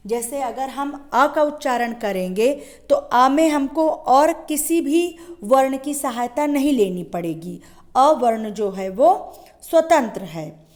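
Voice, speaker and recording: A woman's voice: sits high, darkish tone. A woman schoolteacher giving a Hindi grammar lesson, asking questions and answering them herself, drawing out example sounds. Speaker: school teacher.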